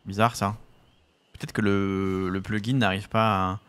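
A man's voice: fairly low pitch, little pitch movement, measured pace, fairly bright tone, clean tone. A man giving casual, enthusiastic commentary while playing a survival game, chatting to his viewers and to his tame creature. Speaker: gaming YouTuber.

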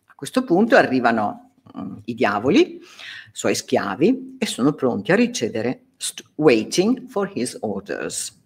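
Slow, expressive woman teacher. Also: extremely low pitch, breathy edge. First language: Italian. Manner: slow, explaining line by line, with hesitations. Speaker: English teacher. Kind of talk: reading and translating a story in a lesson.

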